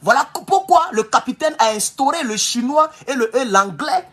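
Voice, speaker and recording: A man's voice: very high voice, moderate pace. A man from Burkina Faso with a West African French accent, giving casual, emphatic political commentary to his viewers and often stumbling over restarts. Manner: animated, emphatic, with repeated restarts and addresses to "chers camarades".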